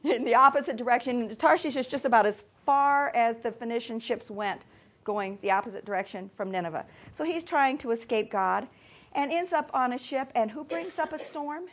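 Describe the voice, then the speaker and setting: Woman teaching bible study, bit high voice, quizzes the class, laughs a lot. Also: moderate pace. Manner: quizzing, upbeat, laughs easily. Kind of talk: classroom Bible lesson with questions.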